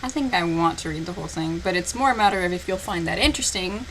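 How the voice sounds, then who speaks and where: Over loud background music in a noisy, low-quality recording, a woman with a low, expressive voice talks fast. As host, she gives a mocking, sarcastic dramatic reading of a fan fiction story, adding her own commentary.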